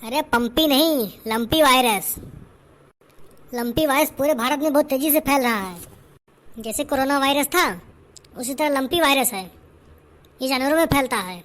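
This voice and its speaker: A high-pitched, loud cartoon village doctor. The doctor lectures in standard Hindi, brisk and emphatic. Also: female voice. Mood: explaining. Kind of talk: cartoon voice acting.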